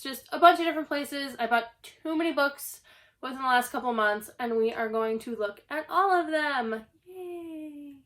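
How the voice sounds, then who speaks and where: Indoors at home, a book channel host shows off her latest haul in a relaxed vlog. The young woman talks in a high, a bit bright voice that's hoarse from a lingering cough, chatting on in a rambling, self-deprecating way.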